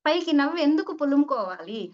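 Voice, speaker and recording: A woman's voice: sits high, big pitch swings, brisk. A woman meditation teacher giving a conversational spiritual talk, acting out little dialogues as she teaches. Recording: dull lo-fi recording.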